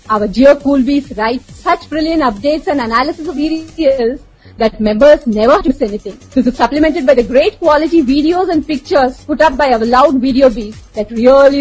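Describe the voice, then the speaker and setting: A woman's voice: high voice, darkish tone, rough recording. A woman with an Indian accent co-hosting a show in chatty, scripted banter, switching between languages. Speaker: co-host.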